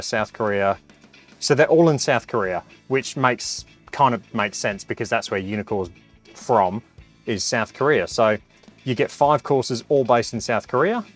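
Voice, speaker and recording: A man with a mid-pitched voice gives casual review commentary over faint music. He is chatty and talks through what he is doing, reacting aloud as he plays. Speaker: product reviewer.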